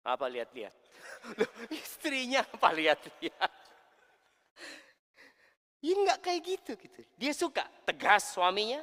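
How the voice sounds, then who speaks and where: A man preaching a sermon to a congregation, speaking lively and acting out the voices he quotes. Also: on the high side. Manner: lively, addresses listeners as "antum", acts out quoted voices. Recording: long hall reverb.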